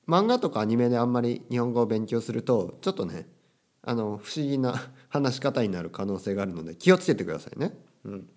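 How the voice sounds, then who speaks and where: A young man teaching casually, with playful quotes of characters and phrases. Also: mid-range voice. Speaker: Japanese teacher. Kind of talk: casual language lesson.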